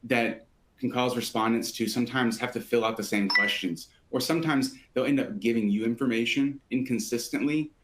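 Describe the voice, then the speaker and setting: A man from a sales team hosting a live software webinar, walking listeners through the agenda in a steady, polished presenter manner. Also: mid-range voice, fairly quick, background noise.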